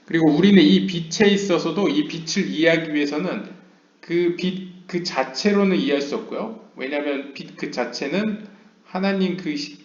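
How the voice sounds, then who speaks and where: A man giving a lecture. He reads English passages slowly and explains them at length, with frequent hesitation fillers. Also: medium pitch, gravelly. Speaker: lecturer on Kabbalah. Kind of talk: lecture, reading text aloud and explaining. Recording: roomy, dull lo-fi home recording.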